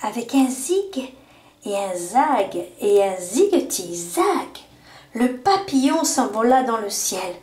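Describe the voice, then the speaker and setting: A woman reading a picture book aloud to children, with slow, clear storytelling. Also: on the high side, very animated, a little mellow. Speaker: storybook reader. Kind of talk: children's read-aloud narration.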